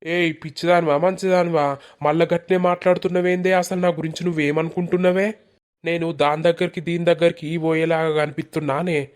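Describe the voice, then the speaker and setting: Performer as a sulking village man in a cartoon, Telangana accent, monotone, reproachful and pleading. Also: mid-range voice, brisk, lightly acted. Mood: scolding. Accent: Telangana Telugu. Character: hurt, resentful village man in love. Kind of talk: animated village comedy dialogue.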